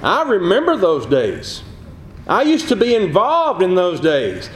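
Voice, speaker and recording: Emphatic preacher in an echoey church. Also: male voice, sits high, wildly swooping pitch, unhurried, slight background noise. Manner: emphatic preaching, rising on key phrases. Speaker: pastor. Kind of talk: sermon.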